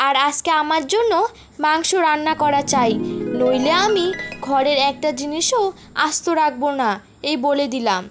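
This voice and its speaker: A woman's voice: expressive, normal speed. Woman doing a bossy bewitched girl. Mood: demanding. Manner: high, bossy. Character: bewitched young girl, rude and demanding. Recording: background music.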